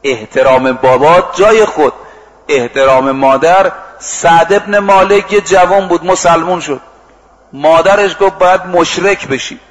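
In a low-quality recording, a slightly high-voiced preacher brings his sermon to life through lively stories. He performs the dialogue of each quoted exchange and chants scripture and verse at a slow pace.

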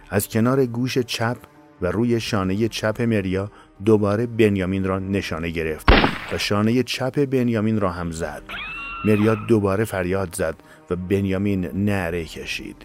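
A man narrating a tense audiobook story in a steady, measured way. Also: fairly low pitch. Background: faint music.

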